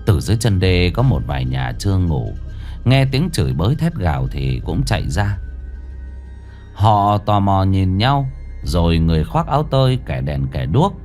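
A man narrating a ghost story in a low voice that swings widely in pitch. His delivery is dramatic, with faint music underneath. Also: very animated, normal speed, a little mellow.

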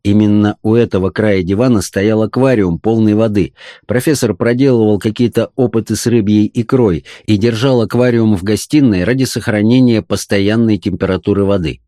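A man narrating an audiobook with expressive storytelling. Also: on the low side, moderate pace, dry recording, clean studio sound.

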